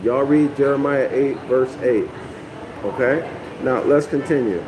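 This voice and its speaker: Reading and explaining a text for listeners online, this North American man keeps stopping to ask "okay?" or address "y'all," repeating phrases along the way. He speaks in a mid-range voice at a measured pace. Background noise is present.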